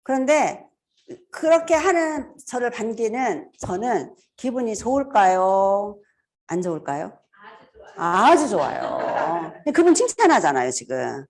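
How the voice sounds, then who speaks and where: A woman in her fifties giving a casual seminar talk, animated and laughing often as she acts out greetings. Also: mid-range voice, unhurried. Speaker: seminar speaker.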